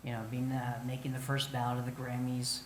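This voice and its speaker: A man's voice: mid-range voice, monotone, a little hiss or hum. Earnest middle-aged man in an echoey room. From northern Arizona, United States. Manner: earnest, halting, with many pauses and fillers. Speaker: Navajo flute musician telling his story. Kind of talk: personal storytelling to an audience.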